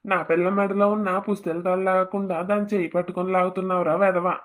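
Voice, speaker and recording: A woman voicing a furious rural husband in a cartoon drama, shouting threats and insults. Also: on the low side, flat delivery, fast talker, close to an everyday voice. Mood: enraged.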